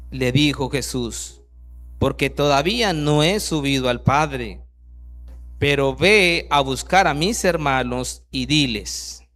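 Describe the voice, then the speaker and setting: A man preaching a sermon, reading scripture aloud and breaking in with rhetorical questions, swinging from loud bursts down to very soft lines. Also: mid-range voice. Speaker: pastor.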